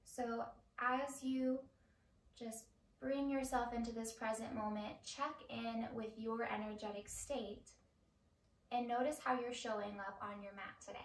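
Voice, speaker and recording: A middle-aged woman leads a yoga class in a slightly high voice. Her delivery is measured and calming, with unhurried instructions. The sound is roomy, picked up by a microphone a little way off. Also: vocal fry, recorded from a distance. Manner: slow, measured, calming guidance. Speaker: yoga teacher. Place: indoor home room, on a mat.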